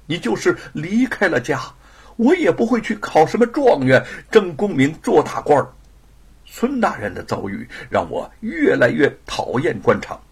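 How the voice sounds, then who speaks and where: A man voicing an earnest, emotional young scholar who exclaims fervently in a gravelly, husky voice. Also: a little high, a little mellow, voice pushed up, exaggerated voice.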